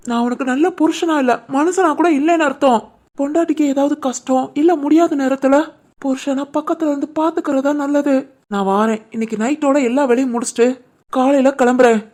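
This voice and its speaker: A woman voicing a devoted, protective young husband in an animated family drama, with a soft pleading manner and a Tirunelveli Tamil accent. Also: high-pitched, brisk, lightly acted. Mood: resolute.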